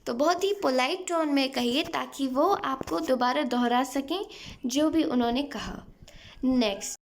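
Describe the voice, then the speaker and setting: A woman giving an English lesson, her voice high and bright. She talks unhurriedly, explaining in Hindi, then drawing each English phrase out slowly so it can be repeated. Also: a little hiss or hum. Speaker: English teacher.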